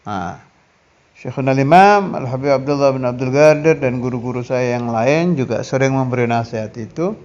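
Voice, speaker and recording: A man's voice: medium pitch, normal speed, darkish tone, highs cut off. A man preaching a sermon, earnest and emphatic, weaving in Arabic recitations. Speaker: Islamic preacher. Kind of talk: sermon teaching.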